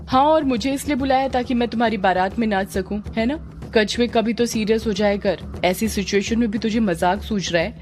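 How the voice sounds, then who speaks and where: A woman's voice: fairly high pitch, brisk, darkish tone, slight background noise, lightly acted. A woman voicing a nervous, irritable young village man who scolds his joking friend.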